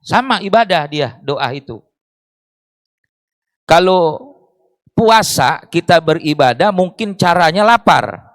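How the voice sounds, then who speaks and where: A man's voice: on the high side, animated, slow, long pauses, no room sound. Man preaching in a dry close sound. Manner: explains with rhetorical questions and Arabic phrases. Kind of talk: sermon. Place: mosque.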